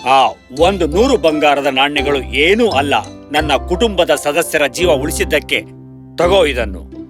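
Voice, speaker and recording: A man's voice: a little high, lively intonation, a little slow, over music. A man voicing a kindly, rich middle-aged male merchant in a cartoon story, speaking earnestly. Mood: grateful.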